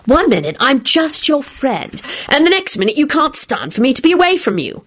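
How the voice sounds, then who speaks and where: A woman's voice: high voice, very animated, normal speed, a bit bright, voice pushed up. A woman reader doing a firm, prim young woman.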